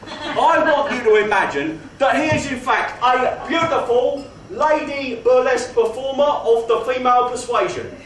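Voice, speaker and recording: A man playing a mock-genteel, faintly menacing gangster compère, delivering comic stage patter with grand words and drawn-out emphasis. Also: very high-pitched, fairly bright tone. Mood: coaxing. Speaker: burlesque show compère in comedy double act. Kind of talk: live comedy patter addressed to audience. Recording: roomy live venue, distant mic, faint noise.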